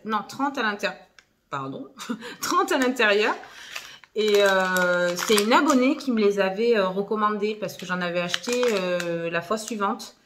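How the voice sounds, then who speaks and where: Young woman, casual haul chat, lots of fillers, giggly, slight background hiss. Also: medium pitch. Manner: chatty, filler-heavy, giggly asides. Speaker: vlogger.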